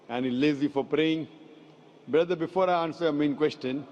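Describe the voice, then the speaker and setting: A man in a public question-and-answer session, explaining in a measured way and repeating his points. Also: on the high side, darkish tone. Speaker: speaker answering audience questions. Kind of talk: public Q&A lecture. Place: large lecture hall. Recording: dull hall recording with long reverb.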